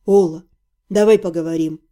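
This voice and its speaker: A woman voicing a nervous, bewildered young male necromancer who speaks low and hesitantly. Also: fairly even intonation, moderate pace, warm tone, natural voice.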